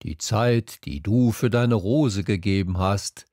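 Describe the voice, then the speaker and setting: A man reading an audiobook and voicing a wise, calm fox who explains things patiently. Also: fairly low pitch, slow pace, no room sound, clean studio sound. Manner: patient, teaching.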